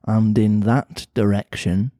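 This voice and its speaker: A man voicing a slow, sly, grinning male cat with a Mancunian accent, low and drawling. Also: level tone, warm tone, dry recording, studio quality.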